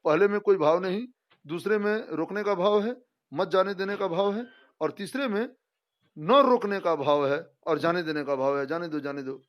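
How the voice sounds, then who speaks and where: A middle-aged man teaching a grammar lesson, his voice sitting a little higher than most men's. He lectures emphatically, keeps asking the listener questions, and acts out the example sentences with feeling. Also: expressive, normal speed, highs cut off.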